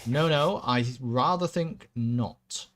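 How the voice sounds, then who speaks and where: A man's voice: mid-range voice, takes it slowly, slight background noise, close to an everyday voice. A man voicing a bored, haughty villainous lord in a video game, with a languid, pompous regency aristocrat manner. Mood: smug, menacing. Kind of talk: video game dialogue read aloud in character.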